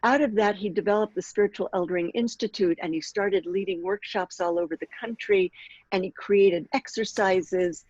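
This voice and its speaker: A woman in her sixties leading a workshop on aging, speaking in a measured way and clearing her throat now and then. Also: medium pitch, darkish tone, no room sound, dull audio. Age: 60s. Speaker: workshop leader and author. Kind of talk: workshop talk with read-aloud passage.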